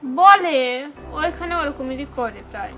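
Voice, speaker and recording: A woman's voice: high-pitched, expressive, takes it slowly, a bit bright, lo-fi sound, exaggerated voice. A woman playing a weary, pleading young wife. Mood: resigned. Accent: rural Pabna Bengali. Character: weary young wife defending her husband.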